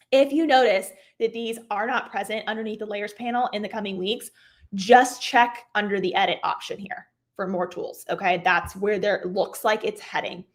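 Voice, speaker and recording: A woman host talking viewers through a craft software update on a live stream. Her voice is wearing thin and a little hoarse, with throat clearing between points. She chats loosely, full of "like" and "um", and explains things step by step in a middle-pitched voice. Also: moderate pace. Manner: chatty, filler-heavy, explains step by step. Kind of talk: casual live software tutorial.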